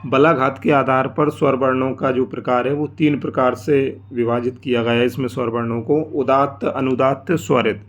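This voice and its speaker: A man teaching a language lesson, explaining slowly and step by step, sometimes drawing out sounds to show them. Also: mid-range voice, little pitch movement, dull audio. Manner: slow, explanatory, often drawing out sounds to demonstrate. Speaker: Sanskrit teacher.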